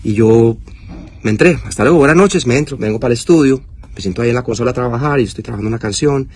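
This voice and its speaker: A man casually telling a funny personal anecdote in an animated way, acting out what people said. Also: mid-range voice, rapid-fire, husky. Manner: animated storytelling, acting out quotes. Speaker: storyteller.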